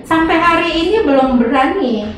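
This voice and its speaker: A woman being interviewed, telling her story in an animated way and slipping English phrases in. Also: sits high, moderate pace, far from the mic, soft background music. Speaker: interview guest. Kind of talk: conversational interview. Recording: echoey room, voice off-mic.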